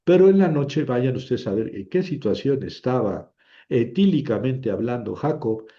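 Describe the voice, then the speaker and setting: A male lecturer talks through a history class in a loose, conversational way. He keeps stopping to correct himself and fills pauses with small hesitations. His voice sits in the middle of the range and has a dark, mellow tone, and the recording sounds dull and lo-fi. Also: mid-range voice, lively intonation. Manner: chatty, full of fillers and self-corrections. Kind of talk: informal lecture, retelling stories.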